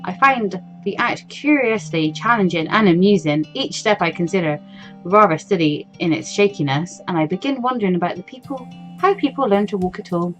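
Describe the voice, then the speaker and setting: A woman with a medium-pitched, brisk voice hosts a game playthrough, reading the story text aloud with expression and tossing in casual asides of her own. The recording is low quality, with faint game music behind her.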